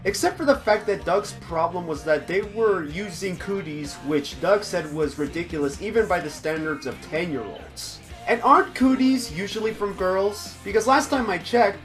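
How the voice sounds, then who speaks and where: A woman's voice: on the low side, lively intonation, normal speed, few pauses, faint music behind. A woman giving wry, argumentative comedic commentary.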